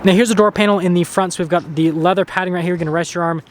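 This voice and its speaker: A higher-pitched man rattles through the features of a pickup in a casual walkaround review. His delivery is brisk and upbeat, with a faint outdoor hum behind him. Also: fairly even intonation. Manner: quick, upbeat feature rundown. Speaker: car reviewer. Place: outdoors and inside a truck.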